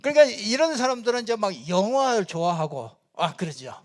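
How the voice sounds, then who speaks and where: Man preaching from a church pulpit, high-pitched voice, chatty, animated, lots of fillers, chuckles between points. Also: fairly quick. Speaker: pastor. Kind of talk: conversational sermon.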